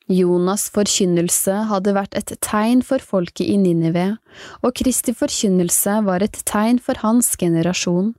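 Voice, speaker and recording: Mellow woman reading devotional text. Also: medium pitch, no room sound, studio quality. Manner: slow, measured reading. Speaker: narrator. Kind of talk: scripted devotional audiobook reading.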